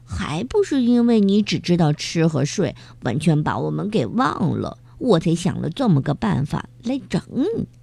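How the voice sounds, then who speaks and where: A woman's voice: on the low side, big pitch swings, moderate pace, creaky, hardly any pauses, dark tone, breathy edge, dry recording, exaggerated voice. A woman voicing a playful, teasing little female insect in a children's story.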